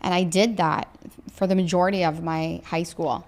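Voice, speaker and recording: A woman's voice: fairly low pitch, level tone, a little mellow. Chatty woman co-host from Ontario. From Ontario, Canada. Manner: chatty, quick to laugh. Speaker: podcast co-host. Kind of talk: casual chat.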